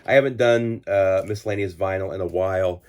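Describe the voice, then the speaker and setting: A man in his forties with a drawl talks through a stuffy, congested nose. His voice sits very low, and he rambles in a relaxed vlog style, full of ums and restarts. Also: a little fast. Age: 40s. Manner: rambling, many fillers and restarts. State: congested, recovering from illness. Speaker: vinyl collector channel host. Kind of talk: casual record-collecting vlog.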